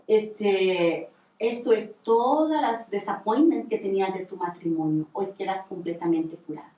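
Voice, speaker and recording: A woman giving a religious testimony on the radio, telling her story earnestly with many repetitions. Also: mid-range voice. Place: radio studio. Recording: echoey room, distant mic.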